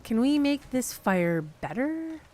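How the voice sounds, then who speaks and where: A woman's voice: high-pitched, sing-song, slow, a little mellow, a little hiss or hum. A woman streamer casually chatting through a game, laughing and thinking aloud to her viewers. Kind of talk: casual gameplay commentary to chat.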